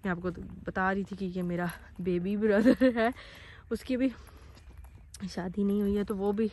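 A woman chatting to her phone camera while walking through farm fields, a bit out of breath and hoarse. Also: mid-range voice, fairly even intonation, a little slow, warm tone. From Pakistan. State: slightly out of breath and coughing. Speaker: vlogger. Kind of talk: casual walking vlog narration. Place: outdoors in open farm fields. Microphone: phone camera held while walking.

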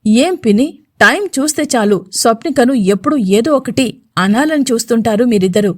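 A woman's voice: a little high, animated, normal speed, no room sound, studio quality. A woman voicing an injured young man who speaks sternly and angrily to defend his partner in an audio story. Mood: angry. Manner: stern, warning, angry.

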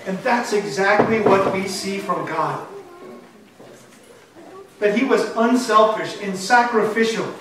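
A male pastor preaches with earnest emphasis, his voice sitting high for a man. The sound is echoey and heard from far back in a church sanctuary, with faint noise behind. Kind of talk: sermon. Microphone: far camera.

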